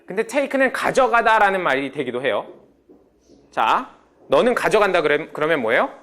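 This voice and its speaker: A man's voice: fairly high pitch, very animated, moderate pace, a bit bright. A man teaching a beginner English class, prompting students and drilling phrases. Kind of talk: lively classroom lecture.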